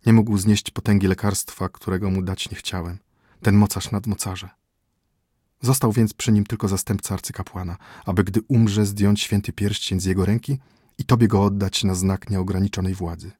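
A man doing a hushed, grave court physician. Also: fairly low pitch, fairly even intonation, moderate pace, husky, no room sound, studio quality. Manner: hushed, half-whispered. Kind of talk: audiobook character voice.

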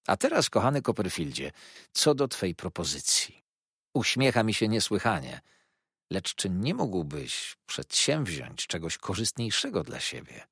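A man's voice: on the low side, big pitch swings, unhurried, fairly bright tone, husky, no room sound, studio quality, exaggerated voice. A man reading the lines of a kindly elderly male scholar who speaks to his former pupil in a fond, coaxing way. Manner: fond, coaxing old teacher's talk.

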